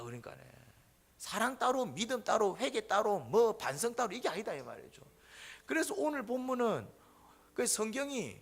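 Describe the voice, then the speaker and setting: A man preaching a sermon, putting questions to the congregation and answering them himself, swinging between loud and soft. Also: on the high side. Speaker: pastor.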